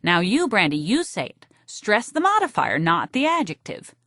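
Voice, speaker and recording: A woman narrator voicing a speech therapist who stresses each word slowly and carefully. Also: mid-range voice, big pitch swings, a bit bright, no room sound, studio quality. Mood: instructive. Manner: slow, careful, over-stressed words.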